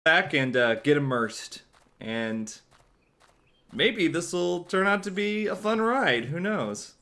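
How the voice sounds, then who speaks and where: Here a man streams a let's play, tossing off dry, sarcastic jokes about the game. The voice is a little high and expressive, and the slow delivery has a sharp edge.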